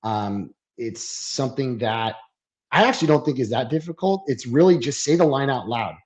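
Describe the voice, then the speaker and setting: A man's voice: medium pitch, animated, normal speed. A man speaking as a guest in a casual webinar conversation over a video call, chatty and full of fillers and repeated words. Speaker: creative strategy manager, guest. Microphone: video call microphone.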